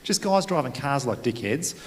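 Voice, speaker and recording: A man's voice: medium pitch, lively intonation, normal speed. A young Australian man performing a stand-up comedy set, telling a story in a laid-back way with crude asides, on stage at a comedy venue. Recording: live room with long reverb, faint ambience.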